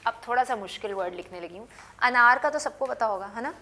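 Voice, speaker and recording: A woman teaching English words in a television lesson, patiently repeating and spelling each word slowly for learners to copy. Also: fairly high pitch, pushed and bright. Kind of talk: classroom lesson with repetition drills.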